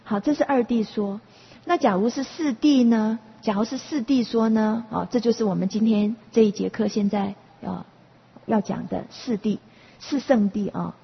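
A woman's voice: on the high side, normal speed, vocal fry, husky. Woman teaching a dharma class. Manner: patient, explaining with frequent rhetorical questions and repetitions. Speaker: Buddhist teacher. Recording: reverberant, muffled lo-fi recording.

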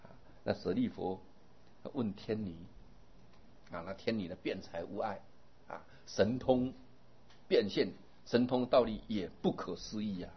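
A man giving a Buddhist dharma sermon, explaining at length and trailing many phrases with a drawn-out particle. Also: lowish voice, breathy edge. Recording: dull lo-fi recording.

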